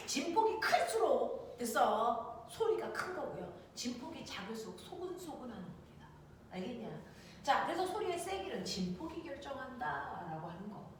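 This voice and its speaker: Lively woman teaching science. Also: high-pitched. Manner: lively, checks in with students often. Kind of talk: classroom lecture. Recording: echoey room, distant mic, noisy.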